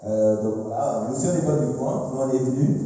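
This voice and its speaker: A man's voice: medium pitch, a little fast, warm tone. A man in his forties from western France, giving a friendly, plainspoken talk to a live audience. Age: 40s. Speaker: presenter, insurance worker. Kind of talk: live public presentation. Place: large echoing hall, recorded from a distance. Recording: distant, echoey hall recording.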